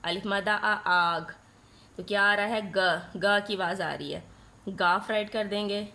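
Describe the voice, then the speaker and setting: A woman teaching a nursery class, with a mid-range voice. She stretches out each letter and sound for small children, pausing to ask questions and then answering them herself. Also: medium pitch, steady tone, sharp tone. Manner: slowly spells out letters and sounds for young children.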